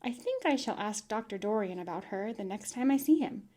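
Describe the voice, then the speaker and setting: A woman's voice: medium pitch, expressive, fairly quick, warm tone, natural voice. A woman reading the part of a worried, proper farm mother who asks anxious questions.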